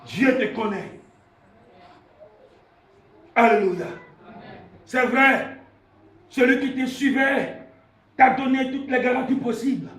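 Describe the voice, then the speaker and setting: A man preaching a fervent sermon to a congregation, shouting and repeating phrases, crying out alleluia in call-and-response. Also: extremely high pitch. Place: church hall with congregation. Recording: echoey hall from far off, crowd and noise.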